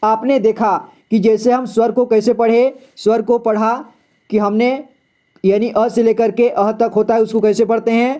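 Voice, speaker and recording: A man's voice: extremely high pitch, little pitch movement, normal speed, dark tone. A man teaching beginners to read Hindi syllables, patiently explaining and asking himself questions, then answering them. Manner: repeats and quizzes himself, says "ठीक है" often. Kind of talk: patient step-by-step reading lesson.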